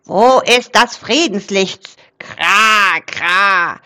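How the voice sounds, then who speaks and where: Croaking busybody raven for a kids' story, voiced by a woman. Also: medium pitch, very slow, sharp tone. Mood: agitated. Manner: croaks between words. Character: excited bossy male raven, croaking.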